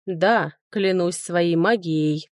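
A woman voicing a sly male high lord and mage who answers in a mocking, evasive way. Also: very slow, a little mellow, no room sound, studio quality. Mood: defensive.

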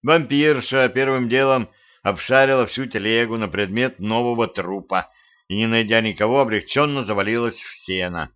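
A man narrating a humorous homemade audiobook in a lively, expressive way. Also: mid-range voice, moderate pace, clear, resonant tone. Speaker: audiobook reader. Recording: dull lo-fi home recording.

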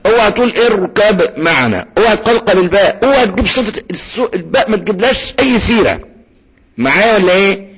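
Egyptian sheikh, tajweed teacher, husky and slightly high, dull lo-fi recording, call-and-repeat drills. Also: male voice, lively intonation, a bit bright. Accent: Egyptian Arabic. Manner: drills students, slowly sounding out letters. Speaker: Quran recitation teacher.

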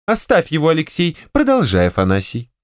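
A shrill, capricious old general's wife in a storybook reading, put on by a male narrator. She goes high and swoops widely as she scolds and exclaims. The voice stays close and dry. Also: wildly swooping pitch, brisk, no echo. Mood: imperious. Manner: exclaiming, reproachful.

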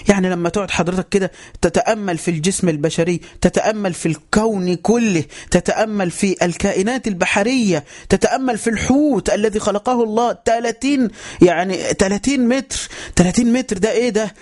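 Egyptian male religious teacher, high voice, quick delivery, emphatic and repetitive, keeps calling for listeners' attention. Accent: Egyptian Arabic. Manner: emphatic, repeats phrases, keeps telling listeners to pay attention. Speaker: Islamic teacher. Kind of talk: religious lesson on a voice chat app.

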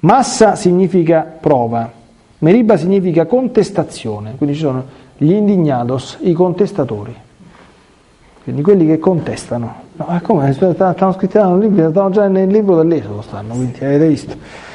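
Colloquial priest with a mellow voice. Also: male voice, a little high, normal speed, slightly rough. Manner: colloquial, lively, reads scripture aloud with asides. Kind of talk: catechesis sermon.

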